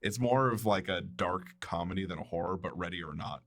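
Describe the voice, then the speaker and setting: A man's voice: sits low, brisk, fairly bright tone. A man co-hosting a casual podcast, speaking hesitantly with lots of ums and uhs. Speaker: podcast co-host. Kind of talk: casual chat.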